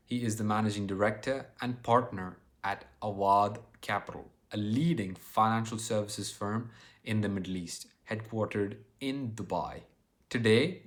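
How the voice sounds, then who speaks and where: A young adult man hosting an interview, asking questions with many fillers and restarts. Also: fairly low pitch. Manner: hesitant, filler-heavy questions. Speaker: host.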